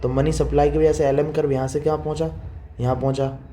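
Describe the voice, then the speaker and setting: A young man teaching economics in a casual lecture style, talking fast and often checking in with the students. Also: on the high side, little pitch movement, mellow. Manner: repetitive, checks understanding with frequent 'theek hai'; quick, informal teaching tone, addresses students as 'beta'. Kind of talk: classroom lecture explaining diagrams.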